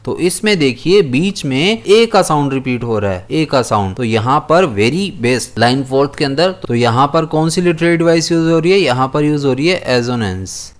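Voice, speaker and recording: A man's voice: mid-range voice, expressive, normal speed, few pauses. Man teaching a school poem. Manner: explains step by step, asking and answering his own questions. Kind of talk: explaining a poem to school students.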